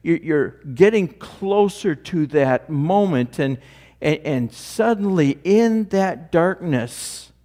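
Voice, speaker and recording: A man preaching a sermon, dramatic in his delivery and dropping to a near hush at key moments. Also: fairly high pitch, expressive, takes it slowly. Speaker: pastor.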